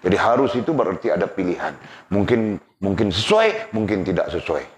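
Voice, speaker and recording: Deep-voiced religious teacher. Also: male voice, sing-song, fairly quick. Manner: conversational, rhetorical tag questions, addresses students. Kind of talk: religious lesson. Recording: dull lo-fi recording.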